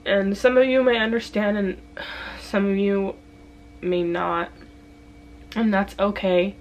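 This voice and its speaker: Young woman vlogging, flat and tearful. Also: mid-range voice, slow pace, slight background noise, rough recording. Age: young adult. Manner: emotional, tearful, soft-spoken with many ums. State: close to tears. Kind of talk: casual heartfelt vlog. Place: messy bedroom.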